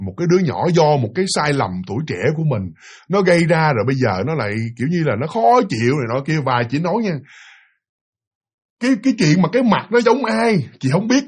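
A man's voice: sits high, breathy edge. A man with a Southern Vietnamese accent retelling a listener's spirit story in a chatty way, talking straight to his audience. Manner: chatty, addresses listeners, many restarts.

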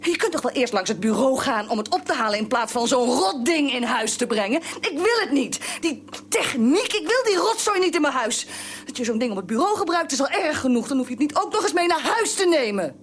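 An actress playing a fierce, nagging middle-aged wife who scolds shrilly and repeats herself in a radio drama. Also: female voice, high voice, very animated, brisk, slight background noise. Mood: angry scolding.

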